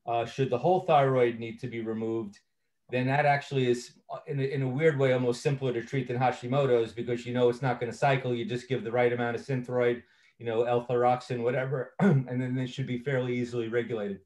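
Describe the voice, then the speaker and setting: A man's voice: medium pitch, flat delivery, fairly quick, a little mellow. A man presenting a recorded medical training lecture in a conversational way, with many fillers and self-corrections.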